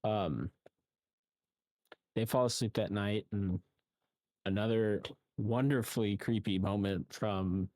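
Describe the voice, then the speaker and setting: Halting, low-voiced man recapping a film. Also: a little mellow, no room sound. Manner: rambling, halting, frequent ums and restarts. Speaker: film reviewer. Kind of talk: casual spoken recap.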